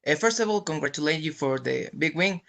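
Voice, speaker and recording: A male journalist with a slightly high, bright voice that creaks noticeably. He puts questions to an athlete as a press-conference interviewer. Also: lively intonation, fairly quick. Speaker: sports journalist asking questions.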